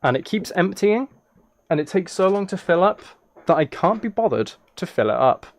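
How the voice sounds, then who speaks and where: A man livestreams a video game, chatting casually with viewers in a playful, teasing way and drifting into rambling asides. His voice sits high and sing-song at normal speed, over clear noise with keyboard typing and clicks.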